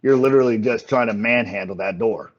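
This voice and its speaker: Halting male game master, slightly muffled. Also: fairly low pitch. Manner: halting, repeats words while explaining. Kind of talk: improvised tabletop game narration.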